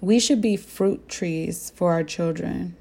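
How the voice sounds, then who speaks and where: Young woman, earnest faith podcast host, soft and warm, slightly low voice. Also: slow pace, slightly rough. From American Southwest. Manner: earnest storytelling with direct questions to listeners. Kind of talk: faith-based reflective talk.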